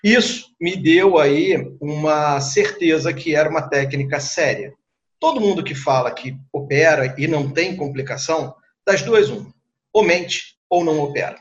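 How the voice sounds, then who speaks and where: On muffled audio, a slightly high-voiced man from Rio de Janeiro, Brazil, talks at a moderate pace in Rio-accented Brazilian Portuguese. He is a guest surgeon recounting and explaining in an interview, chatting conversationally, repeating words and tacking on tag questions.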